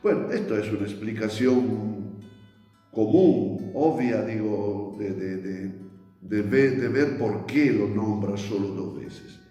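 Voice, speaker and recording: A man slowly teaching a Bible lesson in a reflective way, with many restarts and pauses. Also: on the low side, warm tone, lo-fi sound. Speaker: priest teaching a Bible study. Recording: echoey hall with faint music.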